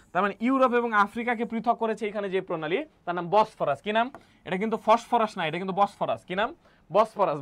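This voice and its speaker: Brief: high-pitched male coaching teacher, jokey and repetitive, keeps quizzing students. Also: a bit bright. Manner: playful, repeats key words and quizzes students. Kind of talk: admission test coaching lecture.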